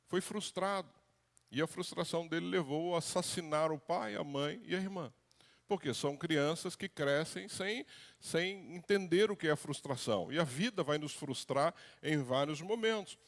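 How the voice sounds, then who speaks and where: Pastor preaching in echoing hall. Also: male voice, fairly high pitch, moderate pace. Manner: conversational preaching with acted quotes. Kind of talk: sermon. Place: church hall. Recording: long hall reverb.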